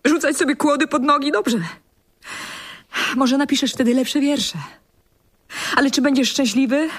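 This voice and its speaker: An actress in a radio drama playing a devoted woman who pleads insistently with the poet she loves. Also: high voice. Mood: reproachful. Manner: pleading, insistent, slow and deliberate.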